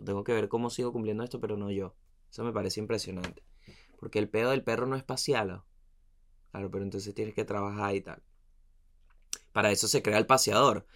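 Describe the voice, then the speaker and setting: A Venezuelan man spinning comic stories in a lively, swear-filled rush, dropping his voice to mumble asides between the punchlines. His pitch sits in an ordinary middle range. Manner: animated, slangy and profane, trailing off into muttered asides. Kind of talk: comic storytelling monologue.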